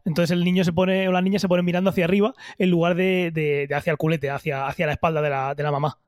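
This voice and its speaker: A man hosts a relaxed conversation and mostly answers with short, friendly replies. His voice sits high for a man, and the sound is dry and close. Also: fast, dry recording. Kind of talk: casual conversation.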